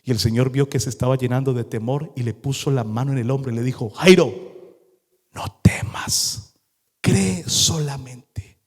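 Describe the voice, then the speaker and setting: A man's voice: medium pitch, flat delivery, fast talker, hardly any pauses, warm tone. A male pastor preaching a sermon, telling the story dramatically and acting out the scenes as he goes. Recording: long hall reverb.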